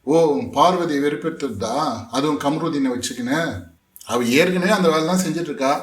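Sarcastic high-voiced male commentator, roomy. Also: fairly quick. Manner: sarcastic, mocking retorts. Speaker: reality show commentator. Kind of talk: casual commentary talking back to a clip.

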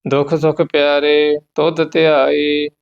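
A man with a Punjabi accent, teaching scripture pronunciation through slow, measured recitation. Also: a little high, completely flat delivery, gravelly, clear, resonant tone. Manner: chants verses slowly, then gives quick pronunciation notes. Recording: dull, slightly lo-fi recording.

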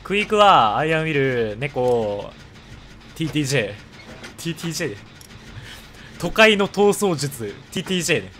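Hoarse guy streaming a game, rambly chatty vibe, kinda higher voice. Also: big pitch swings, a little fast, pauses often, a bit bright, slight background noise. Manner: chatty, rambling, thanks viewers for donations. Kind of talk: casual live-stream gameplay chat.

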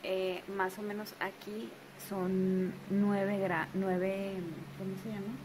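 A woman's voice: mid-range voice, slow pace. A woman, a new mother chatting casually in her bedroom, repeating her phrases and cooing affectionately. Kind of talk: casual home vlog. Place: bedroom at home. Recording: home video with steady background noise.

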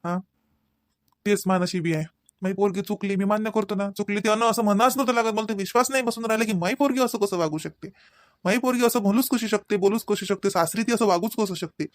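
A man voices a gentle middle-aged father-in-law in an animated cartoon. He speaks. The voice is high and dry. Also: quick pace, no room sound, lightly acted. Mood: consoling. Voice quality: gentle, consoling.

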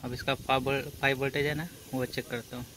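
Speaking fast with a level tone and medium pitch, a man who works as an auto electrician and hosts videos explains a repair step by step. The tutorial is informal and hands-on, full of short check-in tags, filmed in and beside a car at the engine bay. It's a noisy handheld workshop recording with engine noise.

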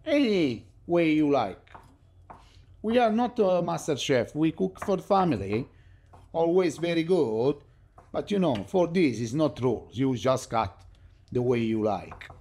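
In his home kitchen, a middle-aged Italian man walks through a recipe for his cooking show, chatting casually in accented, non-native English. His voice is a little high and a little mellow, with slight background noise.

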